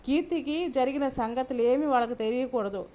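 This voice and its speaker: A woman reads a serialized novel aloud, chapter by chapter. Her voice is high and her delivery steady and measured, like a storyteller at ease with her own text.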